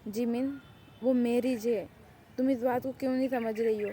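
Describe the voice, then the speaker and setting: An anxious young woman doctor played by a woman stammers and pleads in a fan drama. Her voice is slightly high and warm, with a faint background hum. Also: steady tone, close to an everyday voice. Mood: pleading. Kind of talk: amateur Urdu fan drama.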